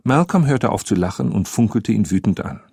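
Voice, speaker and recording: A male narrator with a husky, somewhat low voice reads a story in a steady, measured way. He is recorded close on the mic in a dry, dead-sounding studio. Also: no room sound. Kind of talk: scripted narration.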